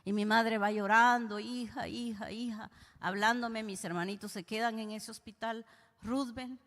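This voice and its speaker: A woman's voice: on the high side, steady tone, normal speed, fairly bright tone. Female preacher, heartfelt testimony, long hall echo on the voice. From Guatemala. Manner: emotional, addresses listeners directly. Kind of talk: testimony sermon. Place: church hall.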